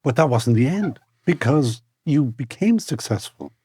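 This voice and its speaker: A man's voice: medium pitch, lively intonation, measured pace, mellow, husky, dry recording, clean studio sound. A man hosts a conversational interview in short punchy sentences, teasing and dramatising as he goes. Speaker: interviewer, host.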